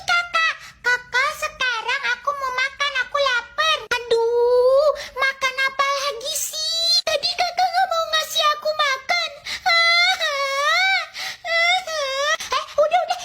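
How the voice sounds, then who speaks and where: A woman's voice: extremely high pitch, steady tone, unhurried, noisy background. A woman voicing both a grumbling older sister and a whiny little sibling in a comedy skit. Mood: bickering. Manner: switches between an annoyed and a childish voice.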